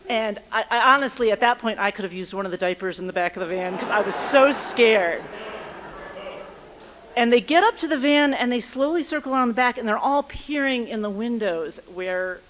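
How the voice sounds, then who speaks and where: A woman's voice: fairly high pitch, expressive, moderate pace, a bit bright, slight background noise. A woman in her thirties tells a personal story live on stage, acting out voices and thoughts with comic timing. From United States. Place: theater stage before a live audience.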